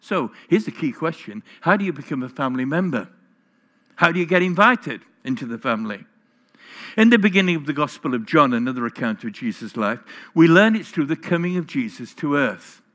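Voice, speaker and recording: A man's voice: on the high side, expressive, a little fast, a bit bright. A man preaching a sermon in church, earnest and putting questions straight to the congregation. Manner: earnest, questioning the listeners directly. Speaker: pastor.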